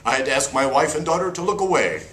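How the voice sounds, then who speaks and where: A man's voice: fairly high pitch, big pitch swings, fast talker, fairly bright tone. A man playing a prim, square 1960s TV news co-anchor, earnest and sanctimonious, in a parody newscast. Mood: prim alarm. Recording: echoey room.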